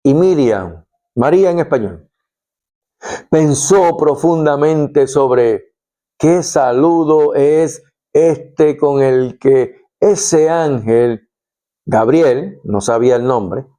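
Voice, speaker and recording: A middle-aged preacher teaches from the Bible, acting out scenes as he goes. His voice sits a little high but sounds mellow and dark. He speaks very slowly and deliberately. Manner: animated storytelling, acts out scenes.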